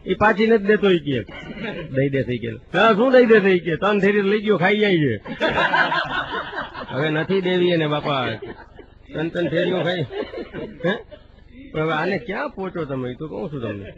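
Lively storytelling comedian, dull recording. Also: male voice, fairly high pitch. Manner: animated, acts out dialogue in quoted voices; recites verse slowly with drawn-out emphasis. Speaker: stand-up comedian. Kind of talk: live comic storytelling in a regional dialect. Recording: dull lo-fi live recording with faint hiss.

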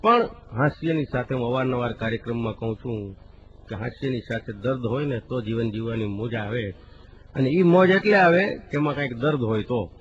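A man telling comic stories on stage, acting out the dialogue in quoted voices and slowing down to recite verse. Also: mid-range voice. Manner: recites verse slowly with drawn-out emphasis. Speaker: stand-up comedian. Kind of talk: live comic storytelling in a regional dialect. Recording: dull lo-fi live recording with faint hiss.

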